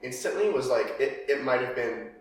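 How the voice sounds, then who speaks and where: A man's voice: medium pitch, animated, normal speed. A man in casual podcast conversation, agreeable and tentative, working out his point as he talks. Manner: tentative, thinking aloud, agreeable. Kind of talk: casual chat. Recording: echoey room, distant from mic.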